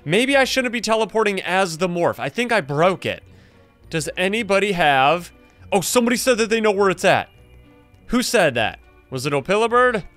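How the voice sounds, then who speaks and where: A young adult man hosting gameplay commentary in an animated, exclaiming way, close on a streaming mic. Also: high-pitched, normal speed, soft background music. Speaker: gaming video host, streamer.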